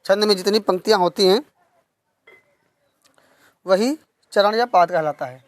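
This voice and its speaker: A woman teaching a lesson on poetics, slowly repeating key terms and asking questions that she then answers herself. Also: mid-range voice, no echo. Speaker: Hindi literature teacher. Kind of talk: online exam-prep lesson.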